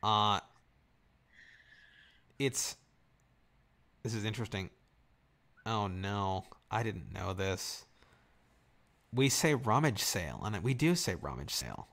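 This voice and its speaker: Animated man in casual chat. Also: on the low side, slow, long pauses. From Michigan. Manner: animated, reads aloud and jokes. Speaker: podcast co-host.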